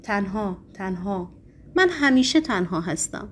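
A woman voicing a sly, volatile foreign male professor in a storybook reading, shifting between mocking calm and pleading. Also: fairly high pitch, slight background noise, lightly acted.

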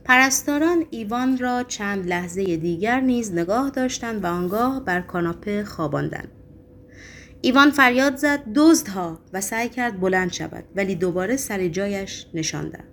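A woman's voice: medium pitch, expressive, few pauses, slight background noise. Woman narrating a dramatic audiobook.

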